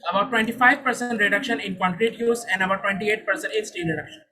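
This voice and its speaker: Speaking fast in a high, sharp voice, this young Saudi founder presents his startup and takes questions. His manner is earnest and formal, with a courteous "sir" here and there. Audio quality is poor.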